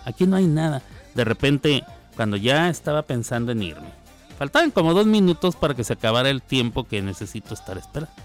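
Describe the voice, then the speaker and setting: A man's voice: medium pitch, very animated, a little fast, soft background music. A man, a radio host telling a joking story in a casual, chatty monologue with playful sound effects.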